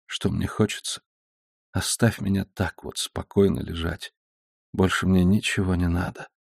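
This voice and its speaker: A man's voice: low voice, steady tone, normal speed, gravelly, a little mellow, husky, no room sound, clean studio sound, heavily acted. A man voicing a weary, broken young woman. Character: sick despairing young woman, worn down.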